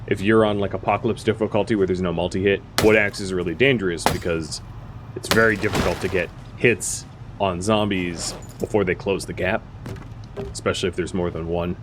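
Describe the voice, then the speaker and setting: Wry low-voiced man narrating gameplay. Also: fairly even intonation, fairly quick, noisy background. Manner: chatty, wry, thinks aloud with fillers. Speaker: gaming streamer. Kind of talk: casual gameplay commentary.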